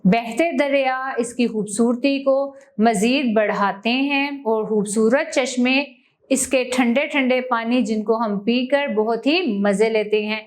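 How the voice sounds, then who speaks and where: A woman teacher, reading a school textbook lesson aloud slowly and clearly to children. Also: a little high. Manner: slow, clear classroom reading, stressing each word in lists.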